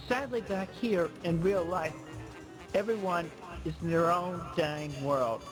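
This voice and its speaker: Man, high voice, earnest self-narration, clear music bed underneath. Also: a little slow, rough recording. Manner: earnest, pleading, lists traits one by one. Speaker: narrator of his own animation. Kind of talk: scripted personal narration.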